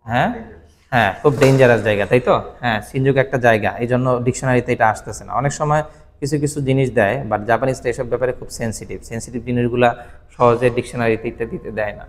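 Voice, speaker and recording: A man's voice: medium pitch, fairly even intonation, fast talker, big-room sound. A man whose first language is Bengali teaches Japanese vocabulary in a patient classroom style, often checking that the listener follows.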